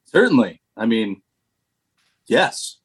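A man's voice: mid-range voice, sing-song, slow pace, slightly rough. A man being interviewed as a band member, giving dry, matter-of-fact answers.

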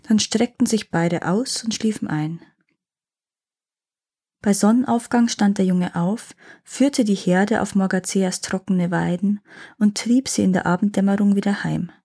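A woman reads a fairy tale in a calm, unhurried storytelling voice. Her tone is mellow and soft, with a slightly husky grain. She gives the characters' lines a light touch of acting. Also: mid-range voice. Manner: calm, gently acted dialogue.

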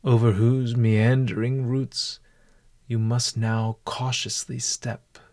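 A man leading a guided walking meditation in a calm, deliberate, measured way. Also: medium pitch.

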